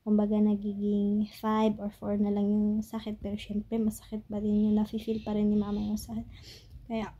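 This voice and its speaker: Filipina vlogger, young woman, flat and very mellow delivery, halting speech, slightly dull audio. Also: mid-range voice, slight background noise. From Philippines. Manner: halting, searching for words, tearful at times. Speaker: family vlogger. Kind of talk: emotional story-time monologue. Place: home in Pakistan.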